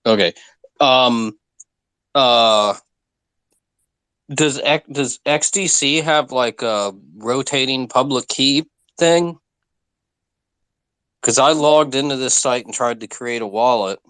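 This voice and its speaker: A man's voice: mid-range voice, takes it slowly, long pauses, a bit bright, clear, resonant tone, no room sound. A man in a casual online voice chat about crypto, asking questions and restarting his sentences. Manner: questioning, rambling with repeated restarts. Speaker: participant in a crypto community audio space.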